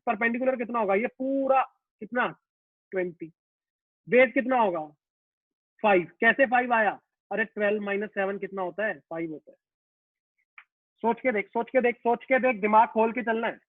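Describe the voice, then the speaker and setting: A man teaching a live online physics class, coaxing his students and answering his own questions in a quick back-and-forth. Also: extremely high pitch, no room sound. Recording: dry, phone-like narrow sound.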